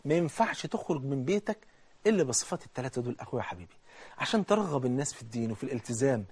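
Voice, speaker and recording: A man with an Egyptian accent preaching a colloquial sermon, animated, swinging between hushed and loud as he acts out dialogue. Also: mid-range voice, rapid-fire, breathy edge. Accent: Egyptian Arabic.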